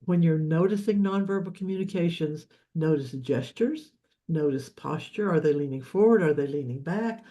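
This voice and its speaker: A man's voice: on the high side, moderate pace, mellow. A man teaching a live session on leadership and communication, explaining in a loose, repetitive way with frequent restarts. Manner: explanatory, repeats words and restarts often. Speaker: leadership coach.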